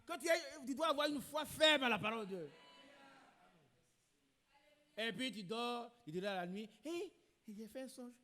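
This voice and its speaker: A man's voice: very high voice, normal speed, pauses often, sharp tone. A man preaching a sermon in a church, emphatic and repeating his key phrases. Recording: long reverb in a church hall.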